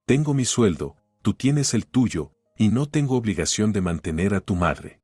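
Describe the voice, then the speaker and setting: A man voicing a young wife who holds back tears and keeps her voice quiet and measured, in an audiobook story reading. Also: on the low side, animated, breathy edge, no echo, clean studio sound. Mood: strained calm.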